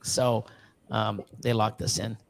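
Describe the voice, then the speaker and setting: This guest has a lowish, gravelly voice with a level tone, speaking slowly with no echo. A ball python breeder on a casual live-stream chat from an Ontario reptile facility, he rambles about breeding reptiles, full of fillers and restarts, casually swearing at times.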